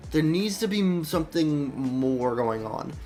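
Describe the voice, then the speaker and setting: A man's voice: on the high side, animated, measured pace, a little mellow, faint music behind. Rambling young man thinking aloud. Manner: rambling, many likes and restarts, thinking aloud. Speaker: indie game developer. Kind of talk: casual dev stream chat.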